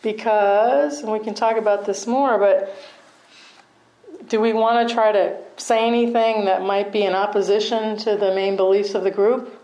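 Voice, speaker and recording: A woman's voice: mid-range voice, steady tone, normal speed, darkish tone, low-quality recording. Middle-aged woman giving a dharma talk. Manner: conversational, checks in with "right?", laughs at herself. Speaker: meditation teacher.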